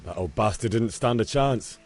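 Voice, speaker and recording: An actor playing a brash, rowdy young village lad in a video game, cocky and matey in manner. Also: male voice, fairly low pitch, normal speed, darkish tone, faint music behind, natural voice.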